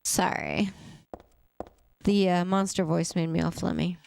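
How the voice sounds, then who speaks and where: Streaming a game, a young adult woman rambles easily, making dry remarks both to her audience and to her in-game character. She has a lowish, darkish, creaky voice with a steady tone and an unhurried pace.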